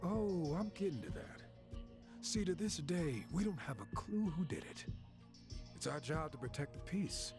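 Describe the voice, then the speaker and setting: A man's voice: fairly high pitch, sing-song, measured pace. An actor playing a corrupt, sneering police officer in a video game cutscene, mocking and gloating as he frames a suspect, with game music behind. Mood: taunting. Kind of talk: game dialogue acting. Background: game music score.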